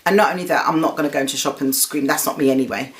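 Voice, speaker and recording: A woman hosting her own show, retelling a personal story in an animated, casual monologue and acting out what others said. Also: deep voice, very fast. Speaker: show host.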